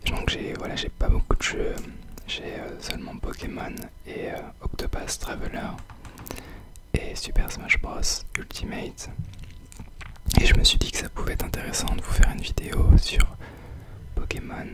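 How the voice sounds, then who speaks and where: Man whispering ASMR right in your ear. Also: normal speed. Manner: whispering softly, close up as if right in the listener's ear. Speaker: host of an ASMR gaming video. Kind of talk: whispered ASMR gameplay commentary.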